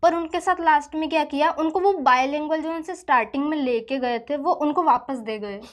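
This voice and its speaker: A woman's voice: high voice, brisk. A woman, an exam candidate, answering interview questions and telling what happened in detail, with some hesitation. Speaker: exam candidate recounting events.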